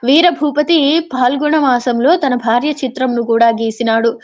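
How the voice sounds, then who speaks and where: A woman's voice: high voice, normal speed. A woman reading an old literary novel aloud as a storyteller, stopping now and then to explain in plain talk. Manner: reads old literary prose, adds casual explanations. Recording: dull lo-fi audio.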